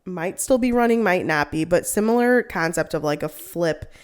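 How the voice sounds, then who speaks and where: A young woman chats casually as a co-host, rambling through her stories with endless "like"s and quick laughs. Her voice sits a little low for a woman. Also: animated, a little mellow, clean tone. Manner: rambling, heavy use of "like", laughs often. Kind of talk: casual chat.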